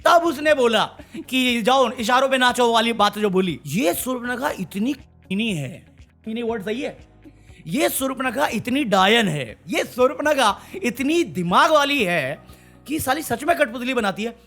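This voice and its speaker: High-voiced man ranting about a reality show. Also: unhurried, faint music behind. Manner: animated, mocking, switches to English phrases. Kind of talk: heated casual commentary.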